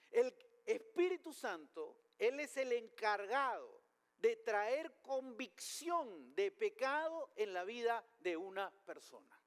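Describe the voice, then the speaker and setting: High, lively-voiced male preacher. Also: big-room sound. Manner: rhetorical questions, emphatic preaching. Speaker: pastor. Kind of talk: sermon. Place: church hall.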